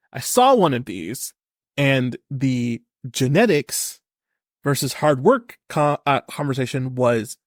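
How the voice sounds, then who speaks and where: A man in his thirties co-hosting a casual podcast, talking in an animated, emphatic rant. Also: a little high, no room sound, studio quality. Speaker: podcast co-host.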